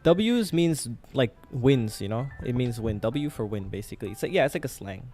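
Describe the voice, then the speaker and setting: On a laid-back live trading stream with soft background music, a young man raised in Thailand talks to his chat, full of fillers. His medium-pitched voice is warm and expressive, at a moderate pace.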